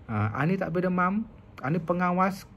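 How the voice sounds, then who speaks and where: A man's voice: high voice, animated, brisk, fairly bright tone, pitched above the performer's own voice. A man voicing a strict, controlling mother who sternly orders her child not to be sick or cry. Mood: scolding. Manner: stern, insistent commands.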